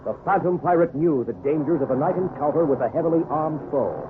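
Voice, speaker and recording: This man's fairly high voice moves fast and is lightly acted as he recounts a seafaring adventure in the grand, ornate style of classic radio drama. The feel is dramatic and suspenseful, and the sound is tinny and noisy like an old broadcast.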